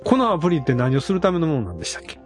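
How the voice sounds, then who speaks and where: A man from Osaka with a Senshu Osaka accent, hosting a casual podcast chat with animated, quick talk and laughing asides. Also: a little high, faint music behind. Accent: Senshu Osaka dialect. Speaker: podcast host.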